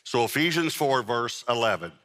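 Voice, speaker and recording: A male pastor delivers a sermon in a forceful, bright voice, stretching and repeating the words he wants to land. His voice rings out with a long hall reverb, and now and then he turns to the congregation to check that they follow. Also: mid-range voice, animated, normal speed. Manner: addresses a live congregation. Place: church with a congregation.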